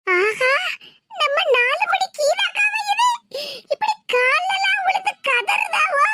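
A woman voicing a chattering, mocking young village wife with a Tirunelveli accent in an animated cartoon. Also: very high-pitched, takes it slowly, pitched above the performer's own voice, heavily acted. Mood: gossipy. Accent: Tirunelveli Tamil. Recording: hissy home recording.

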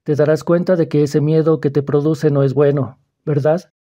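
A man reading the part of a calm, persuasive schoolboy who probes another boy's fears, in an audiobook. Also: on the high side, normal speed, dull audio, natural voice. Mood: calm, probing. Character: calm, probing, mysterious older schoolboy.

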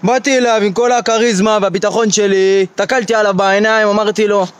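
A man telling a comic story in a monologue, excitable, with mock-panicked outbursts. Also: high voice, clean tone. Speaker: comedian.

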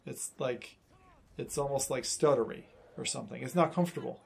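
Creaky-voiced man chatting about gaming. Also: mid-range voice, a little fast. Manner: explanatory, conversational. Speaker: streamer and host. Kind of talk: casual chat about VR gaming. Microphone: binaural recorder, seated in headset.

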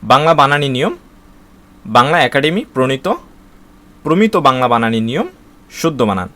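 A man with a Bangladeshi Bengali accent goes through an exam syllabus with students at average pitch and normal speed, his voice expressive, pushed and bright. He reads long lists steadily item by item, often restarting words and filling gaps with "uh."

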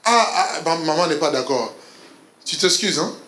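Lively high-voiced man teaching in church. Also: normal speed. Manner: animated, quizzes the audience with laughter. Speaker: speaker leading a couples seminar. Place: church hall. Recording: echoey church hall.

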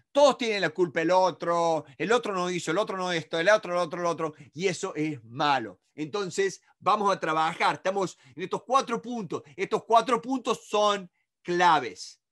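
Male negotiation instructor with a Rioplatense accent, raised pitch, direct and emphatic lecture delivery. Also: fairly bright tone. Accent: Rioplatense Spanish. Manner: emphatic and repetitive, addresses the audience directly; acts out others in quoted asides. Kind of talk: recorded masterclass lecture.

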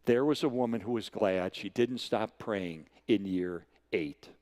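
A man's voice: on the low side, unhurried. A man in his sixties preaching a sermon, telling stories with emphatic, repeated phrases. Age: 60s. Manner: animated storytelling with emphatic repetition. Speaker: guest preacher.

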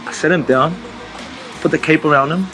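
A man in his thirties with a New Zealand accent, interviewed as a barber, chats casually and jokily in slang, peppering his talk with "man" and "bro." His voice is a little high at a normal speed. They're indoors in a small convenience store with music playing behind him.

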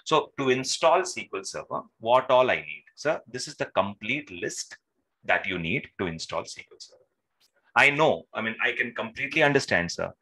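A man's voice: mid-range voice, very animated, moderate pace, bright, forceful tone, rough recording. A man teaching an informal, interactive online lesson, often saying sir and checking in with short questions. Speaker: instructor. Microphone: video call microphone.

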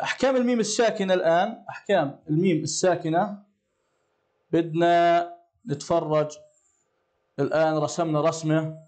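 A man teaching a classroom lesson. He asks the class questions and answers them himself, and he slows down to chant verses. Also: a little high, darkish tone.

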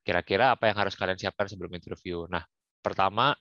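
Young male speaker, deep voice, casual advice delivered with frequent fillers; dry, dull recording. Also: fairly even intonation, fast talker, sharp tone, no room sound. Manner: casual, with frequent fillers and English career terms. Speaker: guest speaker. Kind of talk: online career talk. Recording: muffled, dry, lo-fi.

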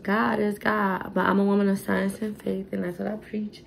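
A woman's voice: mid-range voice, flat delivery, normal speed, gravelly, a little hiss or hum. A tipsy young woman, chatting casually through a makeup tutorial in a rambling, sassy way, swearing freely. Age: young adult. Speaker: beauty vlogger.

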